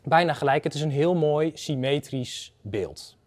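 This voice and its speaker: A man's voice: a little high, expressive, a little slow. A man in his thirties giving a conversational technical explanation as an expert guest, didactic and step by step. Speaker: expert guest, data analyst. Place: indoor garden atrium of a university building.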